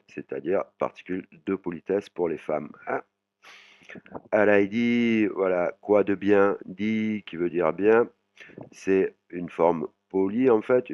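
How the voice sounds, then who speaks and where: A man teaching a language lesson, explaining words slowly and adding "hein" after many phrases. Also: sits low, a little mellow, no echo. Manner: frequent "hein" tags, slow drawn-out sample words. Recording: dry, muffled lo-fi voice.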